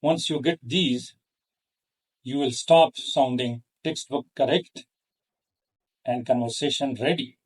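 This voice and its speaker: A man hosting an English pronunciation lesson, speaking in a careful, measured way with pauses between phrases. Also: medium pitch, fairly even intonation, recorded from a distance. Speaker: host, English teacher. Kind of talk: slow deliberate lesson.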